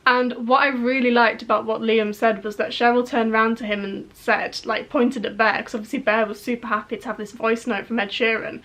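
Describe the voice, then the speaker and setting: A woman's voice: a little high, fairly bright tone. A woman in her early twenties from the UK, chatting casually to camera as a fan vlogger, gushing, with lots of "like" and restarts.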